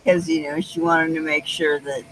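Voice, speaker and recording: A woman's voice: deep voice, level tone, moderate pace, background noise. A woman chatting casually on a live stream from beside her van, easygoing and often trailing off mid-thought. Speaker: vlogger co-host. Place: outside by their van.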